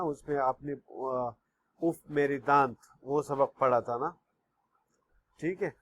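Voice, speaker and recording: A man teaching a recorded online class to young pupils, patiently repeating words and often checking if they follow. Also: a little high. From Pakistan. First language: Pashto. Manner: patient, repeats words slowly, keeps asking "okay?". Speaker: school teacher.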